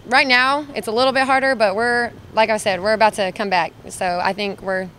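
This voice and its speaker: A woman's voice: medium pitch, fairly even intonation, brisk, fairly bright tone, slight background noise. A young woman from Utah, a college volleyball player, answering interview questions casually and hesitantly with many fillers. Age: young adult.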